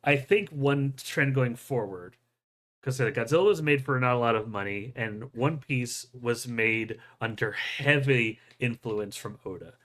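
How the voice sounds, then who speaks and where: A man with a mid-range, slightly slow and somewhat bright voice hosts a podcast. He chats casually about movie news like an enthusiastic fan, swearing plenty along the way.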